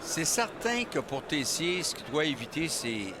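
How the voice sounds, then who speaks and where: A man's voice: fairly high pitch, sing-song, a little slow, crowd noise. A man with a Quebec French accent giving live boxing analysis, conversational and explanatory, repeating words as he searches for them. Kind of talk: live colour commentary. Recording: noisy venue behind commentary.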